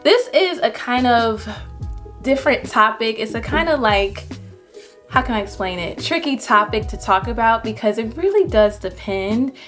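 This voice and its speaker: A young adult woman photographer giving casual, encouraging business advice to viewers, with lively jumps in pitch when she stresses a point. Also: moderate pace, soft background music. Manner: chatty and encouraging, animated pitch jumps on emphasis.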